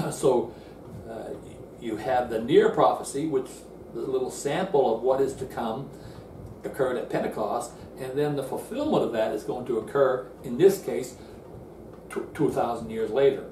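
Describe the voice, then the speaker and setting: A Bible teacher, an older man, sits in an indoor room facing a screen and speaks at normal speed in a mellow, mid-range voice. Earnestly explaining verses, he restarts phrases often; the audio is distant, roomy and noisy.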